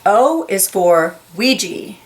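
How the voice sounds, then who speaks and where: Here a woman of medium pitch and lively intonation reads aloud from a children's picture book. She takes it slowly and deliberately, clearly enunciating the important words and giving simple explanations for young listeners.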